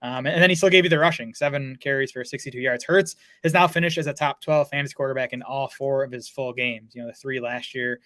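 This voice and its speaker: A man's voice: medium pitch, steady tone, fairly bright tone, dry recording. A man talking fantasy football in a casual podcast chat, full of fillers and restarts. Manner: fast, lots of filler words and restarts.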